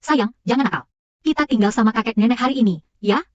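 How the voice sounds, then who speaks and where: A woman's voice: a little high, fast, dry recording, lo-fi sound, natural voice. A woman dubbing a tired young mother who firmly scolds her child. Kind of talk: Indonesian dub of a drama series.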